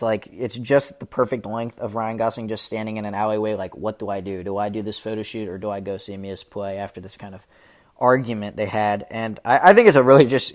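A man giving casual, scene-by-scene film commentary, chatty and loose with lots of fillers. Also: on the low side.

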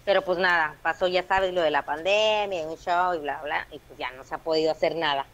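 A woman stand-up comedian with a Veracruz Mexican accent, chatting in an interview with lively, intense storytelling. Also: low-pitched, a little fast. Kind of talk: casual interview chat.

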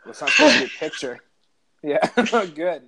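A man's voice: fairly high pitch, expressive, normal speed, pushed and bright. Rambling man on a podcast call. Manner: rambling, hesitant storytelling with many fillers. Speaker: podcast co-host. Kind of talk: casual chat.

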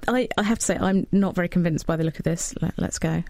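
A woman co-presenting a radio science show, talking in a lively, playful way and thinking aloud as she goes. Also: fairly low pitch, quick pace, no echo.

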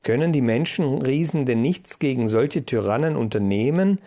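A man's voice: medium pitch, animated, normal speed, warm tone, natural voice. A man voicing a curious young male mouse who keeps asking questions. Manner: questioning, eager.

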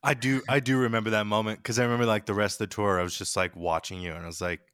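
A man co-hosting a podcast, telling a story in lively casual chat and laughing as he goes. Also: lowish voice, very fast, clean tone, no room sound, studio quality. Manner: animated, laughing, swears. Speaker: podcast co-host, band member.

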